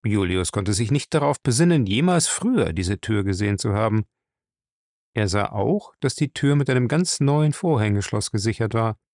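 A man reading a novel aloud chapter by chapter in a steady storytelling manner. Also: lowish voice, moderate pace, no echo, studio quality. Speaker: audiobook reader.

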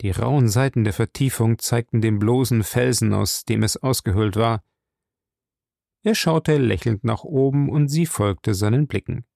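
A male audiobook narrator tells the story at a measured, steady pace. His voice has a gravelly, creaky texture. It is recorded close and dry, with no room sound. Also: mid-range voice, no echo. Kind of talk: scripted narration.

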